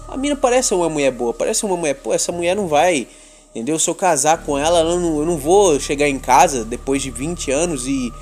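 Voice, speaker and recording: Young brazilian guy rambling on his podcast, crude slang, laughs a lot, kinda high voice, faint music underneath. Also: darkish tone. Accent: Brazilian Portuguese. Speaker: podcast host. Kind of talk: casual chat monologue.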